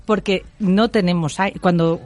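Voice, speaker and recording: A woman from Spain, a speech therapist, calmly explaining breathing and voice use in a radio interview. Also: lowish voice, a little slow. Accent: Spain Spanish. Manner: calm, explanatory, many tag questions.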